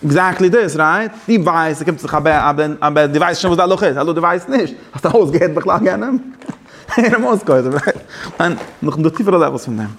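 A man gives a loose, rambling Torah class, breaking off to correct himself and slipping English and Hebrew terms into his sentences. His voice sits somewhat high for a man. The talk stays informal and circles around its points as he reasons aloud. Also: expressive, fairly quick, fairly bright tone. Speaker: Torah teacher. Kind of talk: Yiddish-style Torah class.

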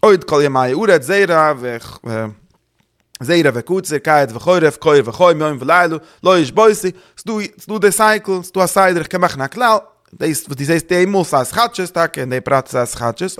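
A man's voice: on the high side, a bit bright. A man giving a religious study lecture, thinking aloud, searching for words, repeating himself and slipping in English terms.

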